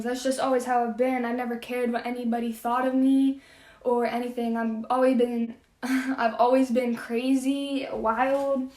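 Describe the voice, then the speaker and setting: Chatty teen girl in an echoey room. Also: high-pitched. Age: teens. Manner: frank, chatty, laughs often, trails into soft asides. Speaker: vlogger. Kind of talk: casual vlog monologue.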